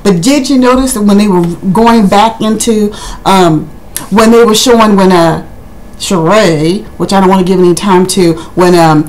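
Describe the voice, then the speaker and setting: Speaking at a moderate pace in a mid-range, darkish voice, this reality TV recap vlogger gives a loose, chatty review, drifting into performed quotes as she talks to her audience. The recording is rough.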